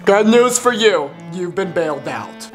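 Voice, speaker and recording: A performer doing a curt deadpan cop. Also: medium pitch, measured pace, faint music behind, close to an everyday voice. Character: stern deadpan police officer, male. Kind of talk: plush puppet comedy.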